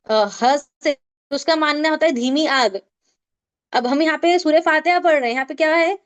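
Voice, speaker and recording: A woman with a high voice runs an online recitation class. She works through pronunciation rules step by step and keeps asking her students for answers. Her voice comes through a video call. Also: highs cut off. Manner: explanatory, asks students questions. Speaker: tajweed teacher.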